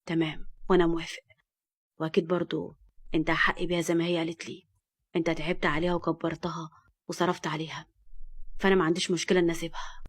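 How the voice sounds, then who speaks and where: A woman with an Egyptian accent voicing a nervous young man who speaks hesitantly and softly. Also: little pitch movement, rapid-fire, long pauses, breathy edge. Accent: Egyptian Arabic. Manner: hesitant, softer and lower.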